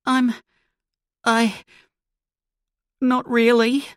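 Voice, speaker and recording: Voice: mid-range voice, expressive, fairly bright tone, no echo, clean studio sound, voice pushed up. Reader doing Theo, a frightened teen boy. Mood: scared, shaken. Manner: halting, fearful. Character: frightened teenage boy, shaken and tearful.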